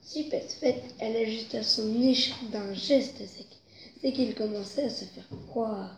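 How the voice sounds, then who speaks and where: Expressive woman storyteller in a roomy space. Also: on the high side, measured pace. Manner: expressive, rising with the story's tension. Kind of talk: reading a children's story aloud. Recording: roomy echo, faint noise.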